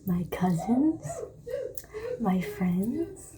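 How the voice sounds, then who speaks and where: A woman's voice: medium pitch, sing-song, extremely slow, a crowd in the background. A woman vlogger chatting casually through a storytime while doing her makeup. She exclaims often and keeps slipping into whispers.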